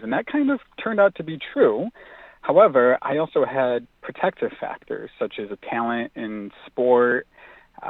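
This is a young adult man, an author who advocates for mental health, on a call-in radio interview. He speaks earnestly and thoughtfully in a mid-range voice, with frequent fillers. The phone audio is tinny and dry, without echo.

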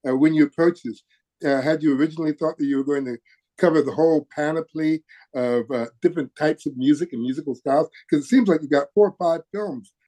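A man's voice: on the high side, fast, dark tone. A man hosting a radio interview, asking hesitant questions full of fillers. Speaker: radio music director and guest host.

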